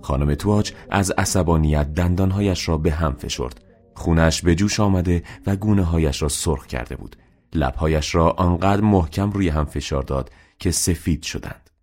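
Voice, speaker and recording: A man reading a novel aloud as an audiobook narrator, in a steady, measured way. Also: low-pitched. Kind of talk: scripted narration.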